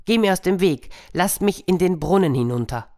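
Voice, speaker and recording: A woman voicing a boastful, tricky male hare in a told fairy tale, shrill and loud. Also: lively intonation, normal speed, close to an everyday voice. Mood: shrill threats. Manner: shrill, pleading and cocky.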